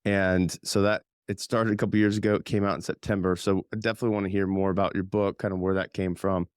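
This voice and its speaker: A male podcast host with a very low voice, slightly hoarse from a cold. He talks in a loose, rambling way, circling back and filling pauses with "um". The recording is dry and close to the mic. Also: level tone, dry recording. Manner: chatty, rambling, with many fillers and restarts. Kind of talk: casual podcast hosting.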